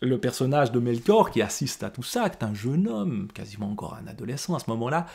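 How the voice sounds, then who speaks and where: Male book reviewer reading aloud with feeling, then chatting about the book, mid pitch. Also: a little fast, creaky. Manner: expressive reading, lingers and drops to near whispers.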